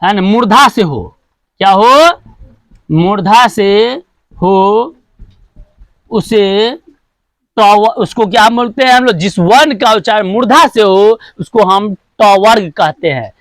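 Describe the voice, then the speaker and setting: A man with a rather high voice teaches a grammar lesson at an unhurried pace. He goes over each point again and again and keeps asking questions that he answers himself. The sound is close and dry. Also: a bit bright, dry recording. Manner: repetitive, asks and answers his own questions; drills sounds one by one.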